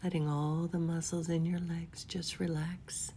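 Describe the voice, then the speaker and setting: A woman leading a guided relaxation in a soft, soothing whisper, gently giving unhurried instructions. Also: lowish voice, little pitch movement, a little hiss or hum. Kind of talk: whispered guided body-scan meditation.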